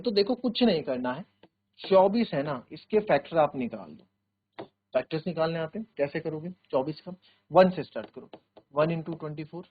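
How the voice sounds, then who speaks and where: A man teaching a maths class in Hindi mixed with English, explaining step by step, counting aloud and asking if things are clear. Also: a little high, narrow, tinny audio, a little hiss or hum. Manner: voices students' doubts himself and answers them. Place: virtual classroom studio.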